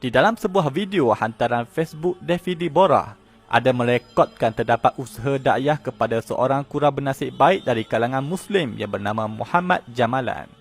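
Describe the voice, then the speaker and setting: A man delivers a scripted news report in a steady, even tone. His voice sits at a middle pitch, and faint music plays beneath it. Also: brisk, creaky. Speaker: narrator.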